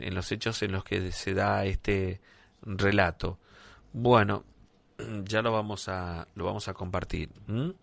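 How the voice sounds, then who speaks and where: Relaxed argentine radio guy, gravelly, dry close mic, chatty with fillers. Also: on the low side, no echo. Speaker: radio show host. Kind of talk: radio talk, reading listener messages. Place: radio studio.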